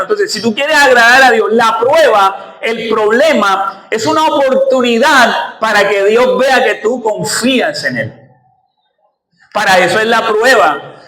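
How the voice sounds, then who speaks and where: High-voiced male pastor preaching in an echoey church. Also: bright, forceful tone. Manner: preaching, calls congregation to repeat after him. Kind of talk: sermon.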